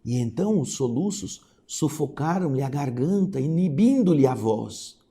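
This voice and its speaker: A man's voice: mid-range voice, very animated, unhurried, warm tone. A man reading a book aloud expressively, breaking in with casual comments. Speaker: reader and commentator.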